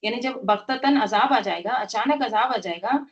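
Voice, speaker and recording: A woman's voice: a little high, normal speed. Woman teaching a Quran lesson, lo-fi. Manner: explains word by word, checks in with "right?". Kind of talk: tafseer lesson. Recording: dull lo-fi sound.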